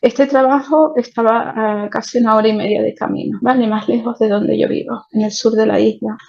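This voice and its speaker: A middle-aged woman giving a personal testimony, halting and emotional, often repeating her phrases. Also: fairly high pitch, steady tone, creaky, darkish tone. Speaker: guest telling her story. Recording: dull lo-fi audio.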